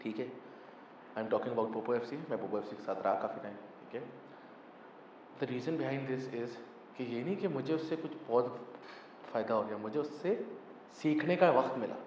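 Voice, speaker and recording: A man's voice: mid-range voice, moderate pace, long pauses, a little mellow. A man in his twenties, a football club founder and coach, talking emphatically in a casual interview and mixing in English phrases. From Pakistan. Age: 20s. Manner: emphatic, mixes English phrases, frequent "thik hai". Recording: echoey, distant, muffled, faint hum.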